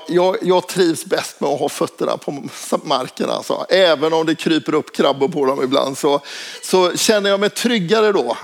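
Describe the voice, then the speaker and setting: A man's voice: a little high, creaky. A man telling a personal anecdote in a casual spoken way, hesitant and full of filler sounds. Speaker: storyteller.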